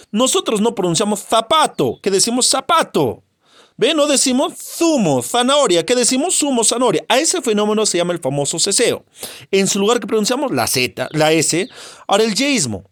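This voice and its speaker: A man's voice: high-pitched, dry recording, clean studio sound. A Peruvian man teaching a lesson, asking rhetorical questions and answering them himself in an emphatic way. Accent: Latin American Spanish. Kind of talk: recorded lecture lesson.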